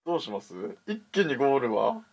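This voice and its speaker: A man's voice: medium pitch, very animated, brisk, vocal fry, darkish tone, breathy edge, dull audio. A male co-host on a game livestream, polite and easygoing, laughing along and keeping the segment moving. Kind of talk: casual livestream banter.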